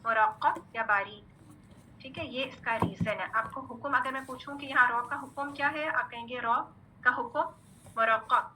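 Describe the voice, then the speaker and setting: A high, very bright-voiced woman leads a recitation lesson, patiently sounding out each letter and checking understanding. A faint hiss sits under her voice. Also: poor audio. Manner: patient, repeats "theek hai" often; drills letter sounds slowly. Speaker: Quran recitation teacher. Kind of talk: online tajweed lesson.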